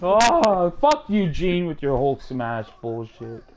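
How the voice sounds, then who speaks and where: Man gamer, slow profane trash talk with a swinging, animated pitch. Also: slight background noise. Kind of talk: casual let's-play banter.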